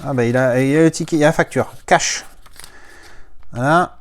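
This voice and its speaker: A man's voice: medium pitch, normal speed. A man from France chatting casually as he unboxes his latest movie discs, rambling with playful asides.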